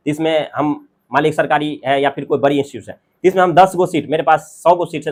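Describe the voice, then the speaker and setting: A man teaching a class, reading English passages slowly and explaining them in Hindi with everyday examples, with an Indian English accent. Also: a little high, darkish tone.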